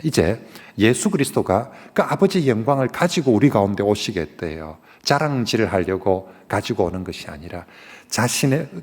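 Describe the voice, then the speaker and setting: A male senior pastor preaching a Sunday sermon, telling the story vividly and putting questions to the congregation. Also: fairly low pitch. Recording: long reverb of a church sanctuary.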